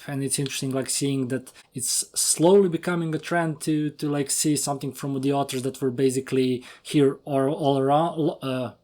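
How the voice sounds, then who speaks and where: A man's voice: medium pitch, darkish tone. A man hosting a casual podcast interview, using "like" and other fillers often. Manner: filler-heavy, uses "like" often. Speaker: podcast host. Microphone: remote podcast recording.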